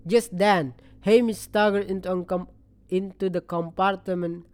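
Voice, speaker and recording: Reader going through a novel out loud, slow, stumbles and restarts, clear voice. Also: mid-range voice, steady tone, dry recording. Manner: slow, halting reading with restarts. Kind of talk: reading a novel aloud.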